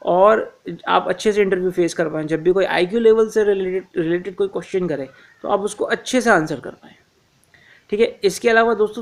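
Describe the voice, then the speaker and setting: Male presenter, high-pitched, chatty advice monologue to viewers, hesitant fillers, repeats key points. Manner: addresses listeners as friends, frequent "uh" fillers; instructive, repeats key reminders. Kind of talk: informal advice talk to viewers.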